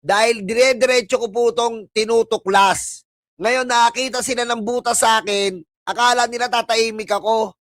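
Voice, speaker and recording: A man's voice: very high voice, steady tone, normal speed, a bit bright, no echo, studio quality. A man with a Filipino accent hosting a live stream, ranting at his critics in a mocking, sneering way and laughing at his own jabs. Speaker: political livestream commentator.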